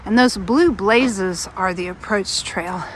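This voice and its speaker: Slow-talking woman on a windy trail. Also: medium pitch, low-quality recording. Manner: chatty, laughs often. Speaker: hiking vlogger. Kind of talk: casual trail narration. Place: outdoors on a windy mountain trail. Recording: wind and outdoor noise.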